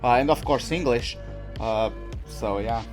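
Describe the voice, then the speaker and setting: Here the same kind of gaming YouTuber, a young man from a Portuguese-speaking country with Portuguese as his native tongue, speaks in a mid-range voice at an unhurried pace. He rambles casually in English over a racing game with plenty of fillers and restarts. There's faint music behind this easygoing let's-play commentary.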